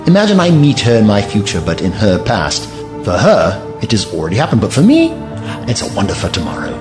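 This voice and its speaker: An actor playing an eccentric, reassuring time traveller in an audio drama, theatrical and breezy. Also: male voice, on the low side, huge pitch swings, fairly quick. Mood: calm, curious. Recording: music behind the voice.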